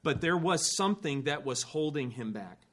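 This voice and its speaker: A man's voice: on the high side, animated, normal speed, a bit bright. A man preaching a sermon in a church, telling a story with earnest rising emphasis and the odd dry aside. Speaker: pastor.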